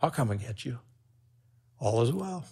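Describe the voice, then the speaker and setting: An older man preaching a sermon, telling a personal story with lively swings in loudness. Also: mid-range voice, unhurried, breathy edge.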